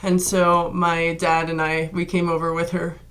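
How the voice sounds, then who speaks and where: A woman's voice: lowish voice, monotone, normal speed, fairly bright tone. A woman in her thirties, born in Hungary, telling stories in a chatty, upbeat way as an interview guest. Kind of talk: casual interview talk.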